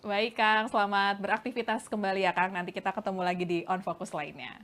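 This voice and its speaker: A woman's voice: mid-range voice, steady tone, fast talker, a bit bright. A woman hosting a news interview, asking questions in a chatty, friendly way. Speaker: host.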